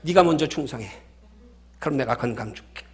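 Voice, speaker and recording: A man voicing God in a sermon story, speaking low, hushed and stern. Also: lively intonation, fairly quick, lightly acted. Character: God speaking firmly to a believer, male.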